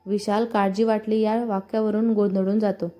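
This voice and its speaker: A woman with a Marathi accent reading a scripted story aloud, voicing all the characters' lines in her own even narrating voice. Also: medium pitch, moderate pace. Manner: reads all parts in one even narrating voice.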